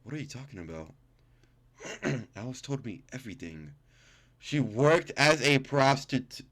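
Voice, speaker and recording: The voice is male, mid-range, a bit bright, and sing-song, moving a little slowly. He reads game text aloud as a gaming YouTuber would, tripping up, fixing his mistakes, and reacting casually.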